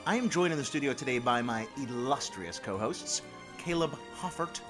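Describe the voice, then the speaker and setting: A man's voice: medium pitch, animated, moderate pace, music in the background. A man hosting a comedy podcast in a jokey, casual radio style, full of wisecracks.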